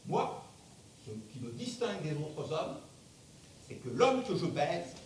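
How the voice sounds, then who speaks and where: A man's voice: very animated, unhurried. An actor on stage playing an arrogant, powerful man in angry denial, declaiming emphatically in a theatrical monologue. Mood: insistent, proud. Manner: emphatic, declamatory, bursts into shouting. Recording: distant mic, very echoey theatre, rumbling noise.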